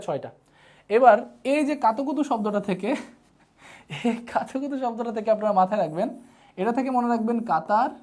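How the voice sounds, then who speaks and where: A woman's voice: fairly high pitch, a little mellow. Woman teaching a live online lesson. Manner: repeats checks with students, playful memory tricks. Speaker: online tutor.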